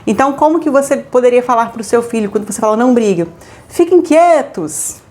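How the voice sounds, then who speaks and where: A woman co-hosting a family advice talk, lively, acting out examples of what parents say. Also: a little high, racing. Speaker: co-host giving family advice. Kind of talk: casual talk to viewers.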